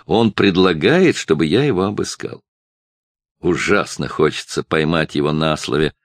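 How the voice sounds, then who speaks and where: A man voicing a big, loud, mocking man who taunts others in an audiobook. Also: a bass voice, moderate pace, no room sound, studio quality. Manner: jeering, raised voice.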